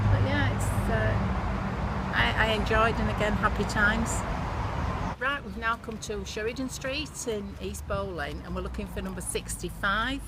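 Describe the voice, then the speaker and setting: A woman in her sixties with a Bradford accent, reminiscing to camera in an unscripted, reflective way with hesitant pauses, recorded outdoors on the street. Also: medium pitch, gravelly. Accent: Bradford, West Yorkshire. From Bradford, England. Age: 60s. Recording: noisy outdoor street recording, traffic ambience.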